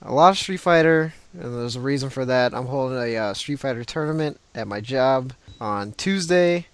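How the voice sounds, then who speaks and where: A man's voice: medium pitch, expressive, moderate pace, clean tone, no room sound. Upbeat male podcast host, dry sound. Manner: upbeat, laughs often, loose with fillers. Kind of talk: casual podcast chat.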